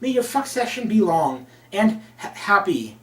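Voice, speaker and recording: A man voicing a cheerful, gruff middle-aged male newspaper editor who stammers through his booming good wishes, recorded in a roomy space away from the mic. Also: big pitch swings, a little slow. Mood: jovial. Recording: roomy, from a distance.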